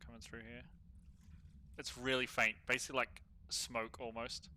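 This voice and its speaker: Bright-voiced man chatting through a game. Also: medium pitch, little pitch movement, moderate pace, a little hiss or hum. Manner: chatty, slangy, thinking out loud. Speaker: gaming streamer. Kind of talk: casual solo gameplay commentary.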